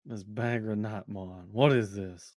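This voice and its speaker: A man's voice: on the low side, steady tone, unhurried, a little mellow, dry recording, studio quality. A man co-hosting a card game podcast, teasing the others and laughing often in casual chat. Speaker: podcast co-host.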